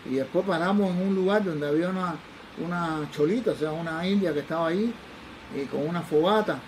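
Fast-talking older Cuban man telling stories. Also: a little high, a little hiss or hum, poor audio. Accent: Cuban Spanish. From Cuba. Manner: acts out the voices of people he quotes. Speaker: forensic toxicologist. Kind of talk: animated personal storytelling.

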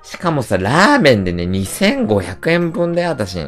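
A man livestreaming in casual chat, telling stories in an animated, rough and slangy way. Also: mid-range voice, moderate pace, soft background music. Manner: animated ranting storyteller, rough slangy speech.

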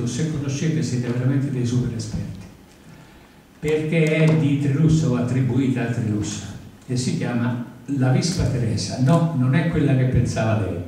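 An older man reading his poetry and chatting between poems at a panel table in a large lecture hall, with emphatic pauses and hesitant asides, recorded by a distant camera. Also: medium pitch, dark tone. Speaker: poet reading at a book event. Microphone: far camera. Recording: very echoey hall from far off, faint noise.

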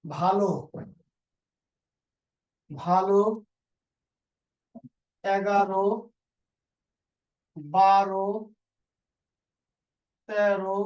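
A male teacher with a Bangladeshi Bengali accent, slowly dictating spelling rules and repeating example words. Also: high voice, fairly even intonation, a little mellow, lo-fi sound. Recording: echoey room, voice a bit far from the mic.

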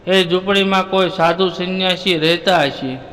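A male storyteller voicing a gentle young maidservant who pleads with compassion. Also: fairly low pitch, steady tone, moderate pace, natural voice. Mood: pleading. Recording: long hall reverb.

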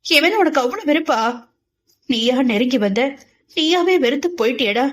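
A woman's voice: high voice, animated, moderate pace, pitched above the performer's own voice. A woman voicing a heartbroken young woman who speaks in a tearful, pleading way, in an audiobook. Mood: grieving.

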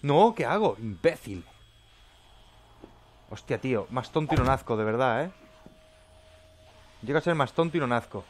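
A gameplay commentator narrates a let's play in a mid-range, lively voice that ranges widely and leaps up, yelping when he gets frightened. Talking a little fast and pausing often, he curses and mutters to himself nervously, with a faint hiss under the recording.

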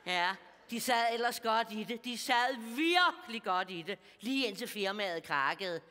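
Woman playing a bawdy old lady, bright and forceful, stage mic with a long hall echo. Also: on the high side, animated. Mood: gossipy. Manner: gossipy, bawdy, confiding, chuckling at her own jokes. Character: bawdy chatty older woman of about seventy. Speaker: comedian. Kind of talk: stand-up character monologue.

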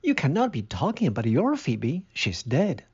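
A man's voice: fairly high pitch, huge pitch swings, normal speed, a little mellow, husky, lo-fi sound, heavily acted. A man doing a plain-spoken neighbor farmer. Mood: matter-of-fact.

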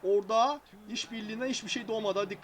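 A man giving excitable live commentary on his own mobile football game, shouting player names when goals go in. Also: sits high, fast talker. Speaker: mobile football gaming YouTuber.

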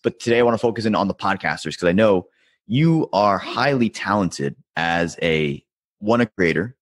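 A man's voice: sits low, animated, normal speed. A man hosting a podcast, chatting casually and laughing easily with his guest. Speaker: podcast host.

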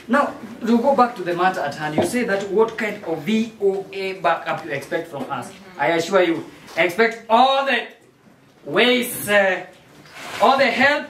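A man's voice: high voice, a bit bright. A man playing a chatty American surveillance expert in an amateur stage play, talking hesitantly and tagging lines with "eh?". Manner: hesitant, tags sentences with "eh?". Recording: roomy, distant mic with faint noise.

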